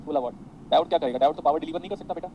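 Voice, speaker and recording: A man teaching a classroom lecture, animated, mixing explanations with anecdotes for his students. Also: fairly high pitch, racing, muffled recording, a little hiss or hum. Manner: animated, addresses students as beta, tells anecdotes.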